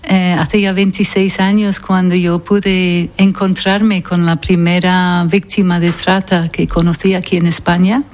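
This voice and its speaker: A woman from Scotland who founded and directs an NGO, answering interview questions in an earnest, thoughtful way, pausing to find words. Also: lowish voice, level tone, darkish tone.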